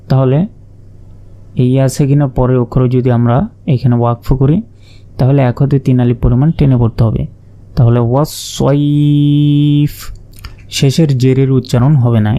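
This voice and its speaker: Man, Quran reading lesson, very dark mellow tone, flat steady pitch, letter-by-letter spelling, long drawn-out vowels. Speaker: Quran recitation teacher.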